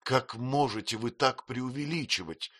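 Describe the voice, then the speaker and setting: A man voicing an emotional, tearful young widowed mother, in a high, plaintive, pleading voice. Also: unhurried, a bit bright.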